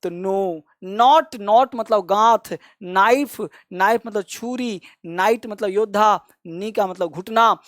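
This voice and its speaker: A man's voice: sits high, takes it slowly, a bit bright, dry recording, clean studio sound. A male English teacher explaining a lesson, who repeats each rule over and over and fondly addresses his viewers as friends and kids.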